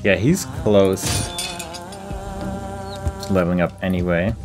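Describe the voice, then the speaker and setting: Low-voiced and unhurried, with fairly even intonation, a video game let's play host ponders his options aloud in casual commentary. Faint game music sits in the background as he muses to himself.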